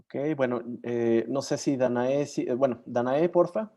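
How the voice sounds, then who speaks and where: A man moderating an online session over a video call, often pausing and searching for words and names. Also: medium pitch, mellow. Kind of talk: casual online session hosting.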